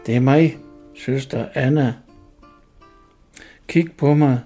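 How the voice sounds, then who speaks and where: A man in his sixties reading a story aloud and voicing an older woman, a sister, who shouts and pleads with her brother. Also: mid-range voice, faint music behind, lightly acted. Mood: scolding, pleading.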